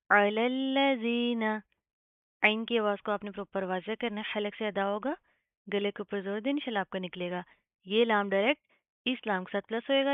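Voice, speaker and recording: A woman teaching Quran recitation, spelling out letters and reciting slowly and drawn out, often checking with "okay?". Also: mid-range voice, no echo. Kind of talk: tajweed lesson with spelled-out recitation. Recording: tinny phone-like, dry sound.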